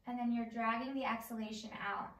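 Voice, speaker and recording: High-voiced woman guiding yoga from across a room. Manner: slow, measured, calming guidance. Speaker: yoga teacher. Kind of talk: guided yoga class instruction. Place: indoor home room, on a mat. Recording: roomy, distant microphone.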